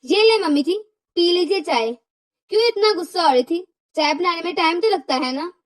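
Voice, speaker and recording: A weary, pleading young daughter-in-law. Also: female voice, extremely high pitch, expressive, normal speed, dry recording, recorded from a distance. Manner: pleading, exasperated explaining. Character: put-upon young daughter-in-law, reasoning and tired. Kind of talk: cartoon voice acting.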